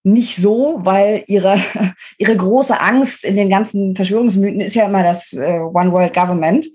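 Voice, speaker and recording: Interviewed about her book on a podcast, this author explains her ideas emphatically, colloquially and articulately in a conversational exchange. Her voice is medium in pitch with a darkish tone, and she speaks a little slowly.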